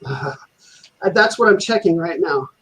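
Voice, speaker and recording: A man's voice: a little high, animated, unhurried, pushed and bright, slight background noise, poor audio. A man co-hosting a live stream from home, protesting his friends' teasing with mock outrage. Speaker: regular co-host. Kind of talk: casual banter on a live stream. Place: at home in Germany.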